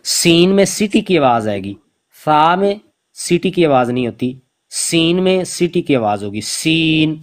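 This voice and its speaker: A man teaching Quran recitation over an online call, speaking slowly and patiently and repeating each letter sound to demonstrate it. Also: a little high, big pitch swings. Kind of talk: online pronunciation lesson.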